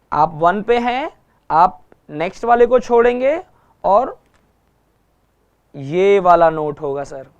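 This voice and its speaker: A man's voice: sits high, smooth, muffled recording. A man teaching a guitar lesson, patiently repeating each point and checking that everyone follows. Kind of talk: online music lesson.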